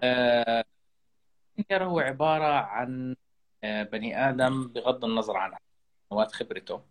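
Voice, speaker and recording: A man speaking on a panel over an online call, his voice breaking up as the connection drops, talking in a halting, hesitant way with trailing restarts. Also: medium pitch. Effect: voice breaking up over a bad online call connection. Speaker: guest audiology professional on a panel. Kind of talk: casual panel discussion.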